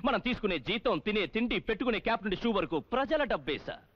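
A man's voice: high-pitched, expressive, racing, highs cut off. An actor playing a defiant male police officer in a dubbed film, speaking with impassioned righteousness.

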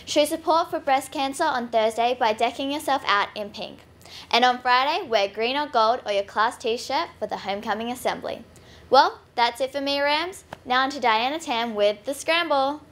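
A woman's voice: sits high, normal speed, fairly bright tone. A teenage girl hosting a student news show, reading scripted school announcements in an upbeat way. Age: teens. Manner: upbeat, reads a list of notices.

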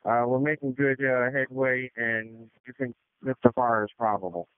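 A man acting as fire incident commander, reporting over a two-way radio in a halting way with many uh fillers. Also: medium pitch, steady tone, smooth, dry recording. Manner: halting, frequent uh fillers, matter-of-fact. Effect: two-way radio transmission. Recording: tinny dry radio channel.

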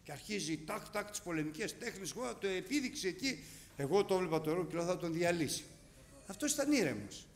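A middle-aged man preaching with a high voice that swings widely in pitch. He tells vivid stories and acts them out with sound effects. The recording carries a long hall reverb. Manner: animated, storytelling with sound effects. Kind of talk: sermon.

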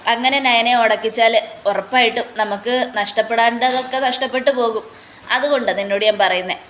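A woman's voice: fairly high pitch, fairly even intonation, fairly quick, fairly bright tone, slight background noise, close to an everyday voice. A woman voicing a practical middle-aged mother-in-law who coaxes and reasons with her family. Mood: coaxing. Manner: coaxing, reasoning.

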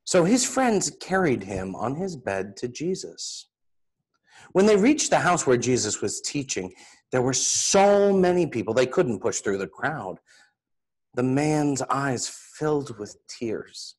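At a desk in a small room, a middle-aged priest with a mid-range voice reads a children's Bible story aloud, expressive and deliberate.

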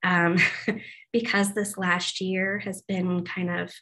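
This woman in her forties, a web development presenter, leads staff training on a video call via a laptop mic, and the recording sounds rough. Her voice is on the low side and a bit bright, with little pitch movement and a slow pace. She keeps it chatty, with lots of ums and restarts.

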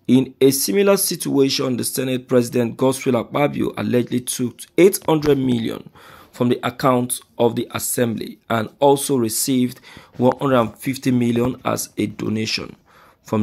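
Casting: male tabloid news host, Nigerian accent, fry-laden voice at an average pitch, sensational and repetitive for emphasis. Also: darkish tone. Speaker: online news commentator. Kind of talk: tabloid-style news reading and commentary.

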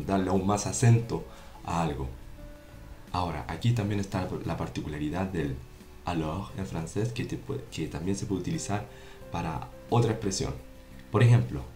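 Deep-voiced man teaching French, roomy echo. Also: moderate pace, mellow. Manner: explains with repeated examples and checks "¿entiendes?". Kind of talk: casual online language lesson. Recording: roomy echo with faint music.

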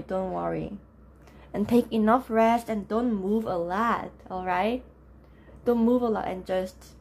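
A young woman with a voice gone low and rough from just waking up, teaching a live online class. She chats with viewers, greets them by name and laughs often. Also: a little mellow. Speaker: Korean language teacher. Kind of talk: live-streamed lesson with chat.

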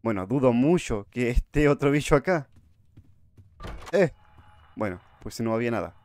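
A man's voice: medium pitch, animated, moderate pace, a little mellow. A man giving jumpy, chatty horror game commentary, talking to his viewers. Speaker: gamer streamer.

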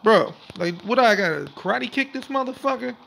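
A man's voice: extremely high pitch, animated, fairly quick, gravelly, pushed and bright. A young man doing casual let's play commentary in a slangy, swearing frat-bro manner, given to exclaiming. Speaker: gaming video host.

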